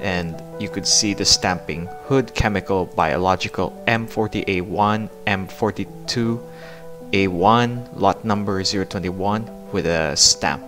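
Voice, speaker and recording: A man's voice: deep voice, a little slow, over music. A man narrating a hands-on product review in a plain-spoken, explanatory way.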